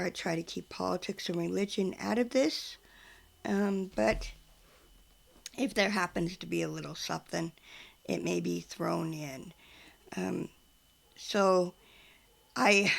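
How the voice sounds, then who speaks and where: A middle-aged woman from California hosting a casual chat show from home, soft-spoken and hesitant, with many ums. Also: on the low side, creaky. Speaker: podcast host. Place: home, at a table.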